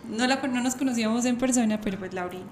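A woman's voice: fairly high pitch, fast, darkish tone. A woman hosting a casual podcast chat, telling stories animatedly and laughing often. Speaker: podcast host. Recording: echoey room, faint background noise.

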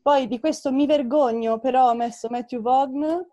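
Mellow higher-voiced young woman. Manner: chatty, self-deprecating, quick asides. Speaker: podcast co-host. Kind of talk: casual film chat.

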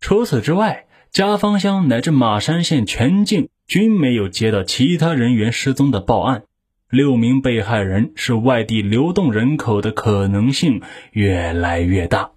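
Man, true crime narrator, scripted delivery, measured and factual, husky mid-pitched voice. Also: animated, a little mellow.

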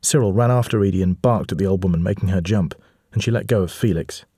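A man narrating a children's storybook aloud, reading steadily and lively. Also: low-pitched, fast talker, breathy edge, no echo, studio quality.

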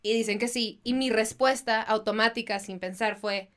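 A woman's voice: fairly high pitch, fairly even intonation, normal speed, fairly bright tone. Candid laughing young woman. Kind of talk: casual chat.

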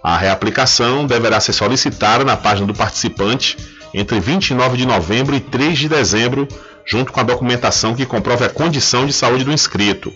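A man's voice: medium pitch, a little fast, pushed and bright, lo-fi sound, faint music behind. A man with a Brazilian accent presenting live news conversationally, repeating himself for emphasis. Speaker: news radio host.

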